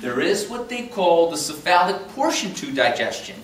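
Lively male lecturer in his fifties, taken from a far camera in a roomy hall, faint hum. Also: sits high, moderate pace. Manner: animated, jokey, talks with big hand gestures and quoted voices. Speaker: chiropractor teaching a class. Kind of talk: live classroom lecture. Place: meeting room with projector screen. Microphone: far camera in the room.

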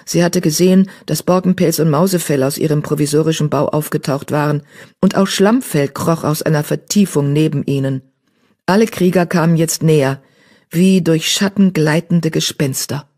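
A woman narrating an audiobook in an even, measured way. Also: deep voice.

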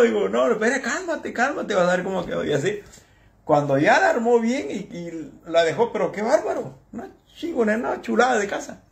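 A man's voice: high voice, creaky. A man talking casually to camera as a channel host, telling stories animatedly and acting out what other people said. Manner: animated storyteller who acts out other people's lines.

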